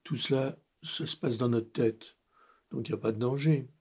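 A man telling a calm, hypnotic story for children, softly guiding the listener. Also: mid-range voice, moderate pace, slightly rough. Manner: soft, calm, guiding, speaks directly to the child.

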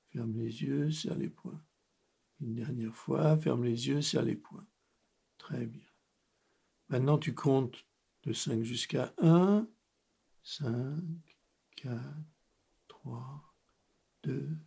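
Male storyteller for a hypnotic children's story; gravelly, husky, calm and guiding. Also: mid-range voice. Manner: soft, calm, guiding, speaks directly to the child.

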